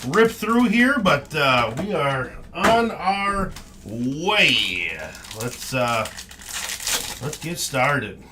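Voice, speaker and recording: Higher-voiced man hosting over clear noise. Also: big pitch swings, very slow. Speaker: card break host. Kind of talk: casual live-stream chat. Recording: clearly noisy, packs crinkling. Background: crinkling and clicking of card packs.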